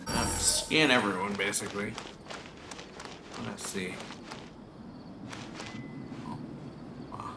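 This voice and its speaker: Girl gamer mumbling casual commentary, super low fry voice, loud game music over her. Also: slow, long pauses, echoey room. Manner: quiet, offhand muttering. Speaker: gamer, let's play host.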